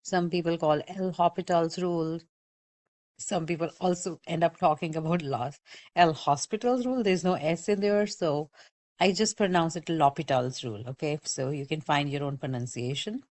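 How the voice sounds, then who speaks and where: Her voice is low and darkish, moving at a normal speed, as this woman teaches calculus in a recorded lecture. Patiently going step by step, she repeats warnings and checks in frequently with "okay?"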